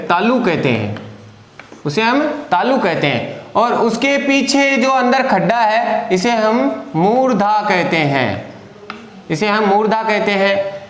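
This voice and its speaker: A man's voice: extremely high pitch, reverberant. A man teaching Hindi grammar in an online lesson, explaining step by step and asking and answering his own questions.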